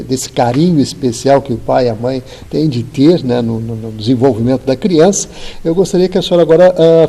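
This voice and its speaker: A man with a Brazilian Portuguese accent hosts a TV talk program and frames long, formal questions for his guest. His voice is dark and husky, and his phrasing is wordy, dotted with tag fillers. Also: on the high side. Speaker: TV program host interviewer. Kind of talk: formal interview hosting.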